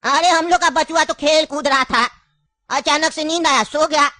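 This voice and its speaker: A woman's voice: high voice, fairly even intonation, normal speed, pushed and bright, no echo, clean studio sound. A woman voicing an elderly grandfather in a cartoon, cunning and grieving, with an insistent, coaxing way of talking. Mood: mournful telling. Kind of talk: cartoon voice acting.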